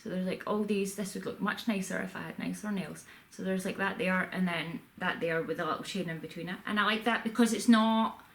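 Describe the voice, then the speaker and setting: A woman's voice: on the low side, fairly quick, gravelly. A woman vlogging from a room at home, chatting casually and rambling a little with self-deprecating asides. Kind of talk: casual haul video chat. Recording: echoey room with faint background noise.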